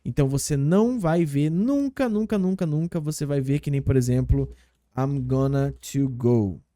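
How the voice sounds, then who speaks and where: A Brazilian man teaching English in Portuguese, repeating example phrases slowly and patiently. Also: fairly high pitch, lively intonation, dark tone, no room sound, clean studio sound. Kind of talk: language lesson explaining game clips.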